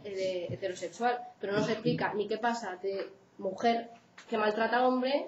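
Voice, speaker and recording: A woman's voice: medium pitch, slight background noise. Spanish woman lecturing in a roomy hall. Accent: Spain Spanish. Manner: conversational, checks in with the audience. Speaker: psychologist giving a talk. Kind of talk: informal lecture. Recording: roomy, dull lecture recording.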